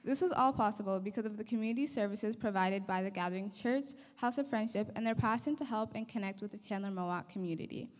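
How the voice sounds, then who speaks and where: A young woman from Somalia speaks fast and with few pauses at a medium pitch, giving a grateful, heartfelt prepared speech. She's a guest in a church hall, using a handheld mic, and the long reverb lingers.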